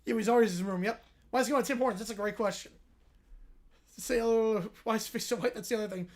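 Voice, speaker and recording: A woman giving casual livestream reaction commentary, excitable and mocking, often gleefully repeating phrases. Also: fairly high pitch, fast talker. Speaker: livestream host reacting to videos.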